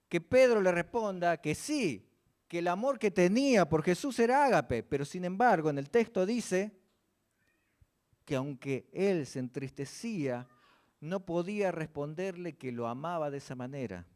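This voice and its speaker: A man's voice: fairly high pitch, a little mellow. A man preaching a church sermon, often asking the congregation questions and answering them himself.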